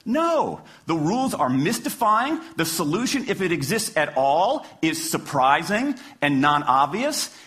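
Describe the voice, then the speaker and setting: Passionate, animated American man arguing a case. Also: a little high, measured pace, hardly any pauses. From Washington, D.C., United States. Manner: passionate closing argument, like a lawyer addressing a jury; emphatic rhetorical questions and punchy short phrases. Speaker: public speaker, former lawyer. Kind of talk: persuasive stage talk to an audience.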